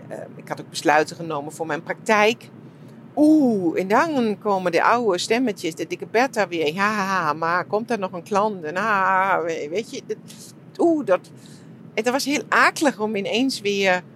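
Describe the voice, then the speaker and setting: A middle-aged woman talking reflectively about her retreat, soft and searching, with many fillers and restarts. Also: on the low side, a little hiss or hum. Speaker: shiatsu practitioner and podcast host. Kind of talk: reflective personal monologue.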